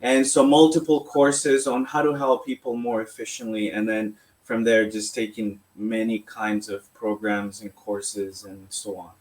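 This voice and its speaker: A man from Colombia, a massage therapist, calmly answering interview questions and explaining his work. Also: lowish voice, unhurried, hardly any pauses.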